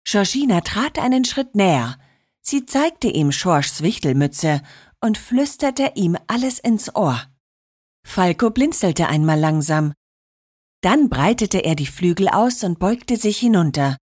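A woman narrating a children's story in a lively, expressive way. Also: mid-range voice, unhurried.

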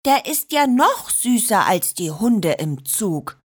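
A woman voicing an excited little girl in a storybook, bubbly and eager. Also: mid-range voice, slow, breathy edge, full character voice. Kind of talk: storybook reading.

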